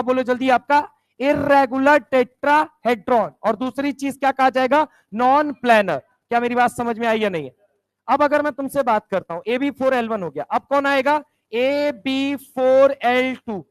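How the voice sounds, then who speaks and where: High-voiced man drilling a chemistry class. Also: dry recording. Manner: drills students with repeated questions. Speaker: chemistry teacher. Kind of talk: classroom lecture.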